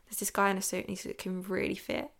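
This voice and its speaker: A young woman from England hosting a podcast, telling a story in a chatty, animated way with lots of "like". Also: mid-range voice, fast talker, creaky. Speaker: podcast host. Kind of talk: casual storytelling. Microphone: podcast mic.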